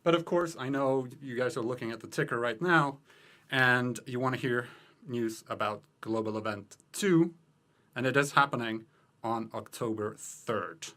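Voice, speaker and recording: A man reading out game news quickly, hurried and a bit out of breath. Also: medium pitch, fairly bright tone. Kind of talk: rapid news update.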